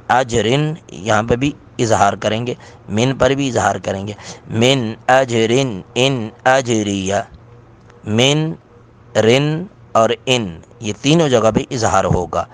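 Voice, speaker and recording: A man teaching Quran recitation, chanting verses slowly and melodically, then briskly explaining pronunciation rules. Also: medium pitch. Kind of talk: tajweed lesson with recitation.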